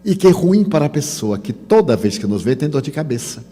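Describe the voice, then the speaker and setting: Older Bahian man, spiritist speaker, mellow and animated, telling anecdotes in an echoing hall. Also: on the high side, brisk, husky. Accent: Bahian Brazilian Portuguese. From Bahia, Brazil. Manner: animated storytelling, acts out dialogue. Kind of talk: lecture with humorous anecdotes. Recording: long hall reverb.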